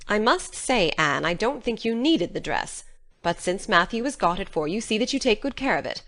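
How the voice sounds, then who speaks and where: A woman's voice: medium pitch, big pitch swings, moderate pace, a bit bright. A woman playing a stern, practical older countrywoman in a dramatized audiobook, with a stiff, scolding manner. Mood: brisk, tolerant.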